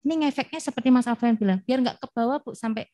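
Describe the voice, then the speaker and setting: A woman's voice: fairly high pitch, fast talker, mellow, no echo. A middle-aged woman, an early childhood education expert, explaining as a talk show guest and giving worked examples of how to talk to children.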